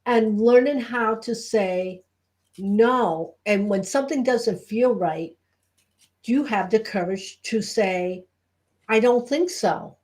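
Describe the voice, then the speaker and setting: A woman's voice: fairly high pitch, slow, a little mellow. A woman chatting casually as co-host of a live show, speaking as a Reiki teacher.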